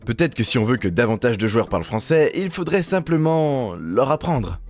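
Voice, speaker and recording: A man's voice: medium pitch, sing-song, normal speed, a little mellow, faint music behind. A man doing humorous scripted voice-over commentary, teasing and mock-indignant as he addresses viewers directly. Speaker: video host and narrator.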